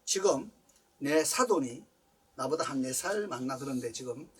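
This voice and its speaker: Animated older man lecturing a church class. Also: mid-range voice, normal speed, slightly rough, far from the mic. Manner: animated storyteller, mixes English phrases, acts out voices. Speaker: seminary professor lecturing. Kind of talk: lively church lecture with personal stories.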